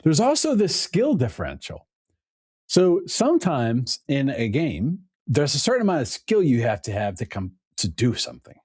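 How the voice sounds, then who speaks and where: A man, a podcast guest, telling stories in a casual conversation with an animated, laughing manner. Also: medium pitch, normal speed, slightly rough, dry recording, clean studio sound. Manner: animated storytelling, laughs often.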